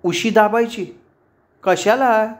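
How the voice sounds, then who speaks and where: A man voicing an excitable, loud young woman student living abroad, talking quickly and impatiently. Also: high voice, pitched above the performer's own voice, close to an everyday voice. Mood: shouting, exasperated.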